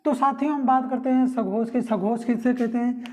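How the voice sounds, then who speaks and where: A woman teaching Hindi grammar, explaining consonant types and slowly sounding out syllables to demonstrate them. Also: fairly high pitch, steady tone, mellow. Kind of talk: classroom-style lesson explaining consonants.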